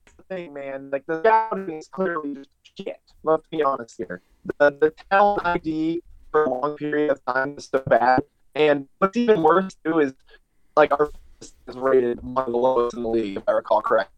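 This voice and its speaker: A man's voice: a little high, moderate pace, muffled recording, soft background music. A man co-hosting a casual sports podcast over a remote mic, speaking bluntly and swearing freely while his mic glitches and makes him sound robotic. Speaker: podcast co-host.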